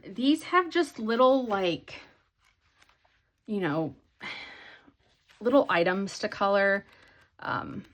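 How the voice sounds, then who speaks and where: A woman chatting casually in a hobby haul video, rambling with many ums and restarts. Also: medium pitch. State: sleepy, yawning. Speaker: hobby vlogger.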